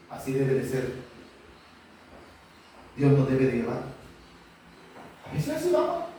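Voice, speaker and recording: A man's voice: sits high, darkish tone. A man preaching a sermon, fervently calling out to the congregation with questions. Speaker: pastor. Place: church hall. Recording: echoey church hall, distant mic, faint hiss.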